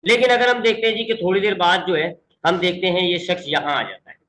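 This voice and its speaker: A man teaching a physics lesson online. He speaks slowly and deliberately, repeating points and switching between English definitions and explanation. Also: high voice, bright, forceful tone, rough recording. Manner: mixes English definitions into Urdu-flavored explanation, repeats for emphasis. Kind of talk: online classroom lecture.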